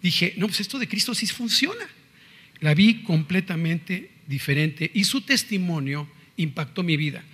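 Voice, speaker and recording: A man's voice: high-pitched, animated, moderate pace, a bit bright, husky. A middle-aged man with a Mexican accent giving an earnest, confessional religious testimony and quoting scripture. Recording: reverberant hall.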